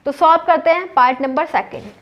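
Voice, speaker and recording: Indian-accented woman teacher, high-pitched, walks through sums asking herself questions, muffled lo-fi recording. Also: a little fast. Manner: explains step by step, asks and answers her own questions. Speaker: maths teacher. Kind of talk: whiteboard maths lesson. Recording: dull lo-fi recording.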